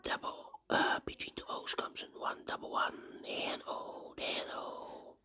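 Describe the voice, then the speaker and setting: Having lost their voice, a puzzle instructor whispers hoarsely through a puzzle solution, repeating rule phrases and counting cells aloud. The delivery is a little slow with a sharp tone.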